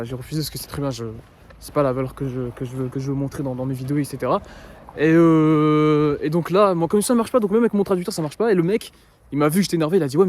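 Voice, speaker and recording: A man's voice: fairly high pitch, darkish tone. A young man from Belgium, vlogging on foot through a city at night, tired and frustrated, repeating himself as he talks to his phone. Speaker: travel vlogger. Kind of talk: casual vlog talk to camera. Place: outdoors in a city street at night. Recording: street noise outdoors.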